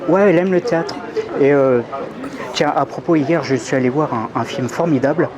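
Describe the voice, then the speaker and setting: A man's voice: on the high side, moderate pace, poor audio. A man making polite, hesitant, eager small talk in casual chat, as if approaching a stranger. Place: outdoors on a busy city street. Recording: street recording with loud crowd and traffic.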